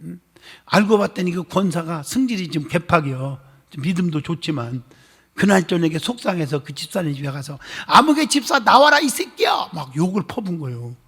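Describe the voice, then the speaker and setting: A male pastor preaching a sermon, telling a story with animated gusto and calling on the congregation for amens. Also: on the high side, a little fast, breathy edge. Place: church sanctuary. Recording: long church hall reverb.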